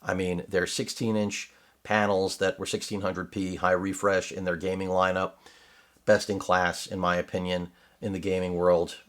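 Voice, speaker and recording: Middle-aged guy, super deep voice, rambling laptop review in his studio, sarcastic tangents. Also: flat delivery, normal speed, a bit bright. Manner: rambling, digressive, sarcastic asides. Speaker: tech reviewer. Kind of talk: casual unboxing commentary. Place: home studio with lights.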